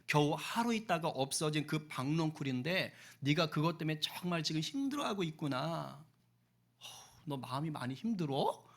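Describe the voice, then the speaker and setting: A man voicing a gentle, fatherly God who softly coaxes and questions a sulking prophet, as in a sermon retelling. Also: on the high side, animated, moderate pace, pitched below the performer's own voice. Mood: tender. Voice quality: soft, coaxing, tender questioning.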